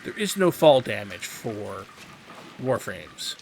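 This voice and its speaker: Over faint game sounds, a gaming video host explains gameplay in a conversational tutorial. His fairly low voice swings widely in pitch, moves slowly, and carries vocal fry.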